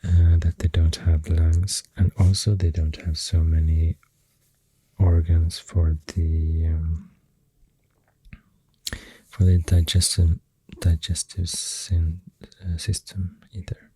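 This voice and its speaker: A Swedish-accented ASMR host speaks very softly and breathily, almost whispering, in a low, level tone close to a dry mic. Slow and hesitant, she rambles gently through facts while drawing, with pencil writing and clicking sounds behind.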